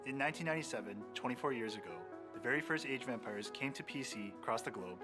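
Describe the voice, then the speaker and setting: A man narrates a celebratory look back in a measured documentary style. His pitch is mid-range. Loud music plays behind him. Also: animated.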